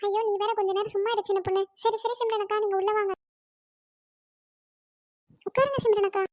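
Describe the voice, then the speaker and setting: Cartoon: woman voicing a stingy, bossy housewife; very high, fast, nagging. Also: fairly even intonation, darkish tone, dry recording, clean studio sound. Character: bossy, penny-pinching married housewife neighbor. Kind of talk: cartoon comedy voice acting.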